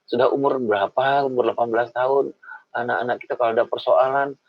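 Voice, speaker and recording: A middle-aged man giving a lively, informal talk on raising children, speaking to mothers and acting out parent and child voices. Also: mid-range voice, fast, dry recording. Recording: dull lo-fi sound.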